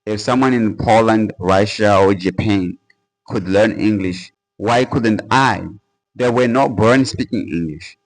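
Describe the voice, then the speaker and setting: A native Portuguese speaker from a Portuguese-speaking country, this earnest young man makes English-learning YouTube videos and here talks motivationally to camera in English. His lowish voice is a little slow, his style casual with "bro" and fillers, and the recording is rough.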